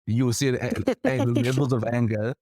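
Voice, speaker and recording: A man with a South African accent, co-hosting a rugby podcast, gushing excitedly with many stumbling restarts. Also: medium pitch, moderate pace, no room sound, clean studio sound. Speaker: podcast co-host. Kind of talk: casual chat.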